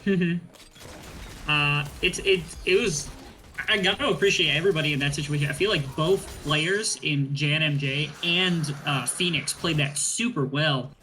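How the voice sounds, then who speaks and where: A man's voice: on the high side, measured pace, pushed and bright, poor audio. A man giving color commentary on an esports match, breaking down plays analytically with frequent ums and uhs.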